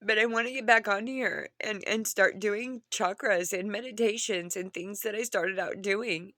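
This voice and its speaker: A woman who sounds upset and tearful, as after crying, talking earnestly and haltingly in a personal confession to viewers, often repeating herself. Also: mid-range voice, bright, forceful tone, no echo, clean studio sound. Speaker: vlogger.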